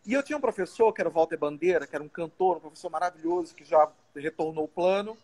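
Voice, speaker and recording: A man from Belém interviewing a guest, chatty and animated in casual conversation. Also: fairly high pitch, fast talker. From Belém, Brazil.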